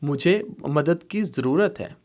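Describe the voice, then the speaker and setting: A man's voice: a little high, expressive, a little mellow. A man teaching spoken Arabic phrases, explaining them in Urdu and repeating each phrase several times at a patient pace. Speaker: language teacher.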